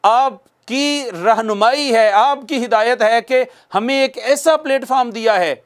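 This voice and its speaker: High-voiced man teaching recitation patiently. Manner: patient, repeats sounds slowly for students to copy; asks questions and answers them himself. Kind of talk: recitation lesson.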